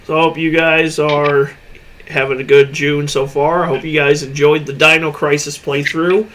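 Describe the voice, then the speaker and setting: A man co-hosting a casual livestream over a headset mic, easygoing and quick to laugh between remarks. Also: fairly high pitch, little pitch movement, a bit bright, slight background noise. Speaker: streamer co-host.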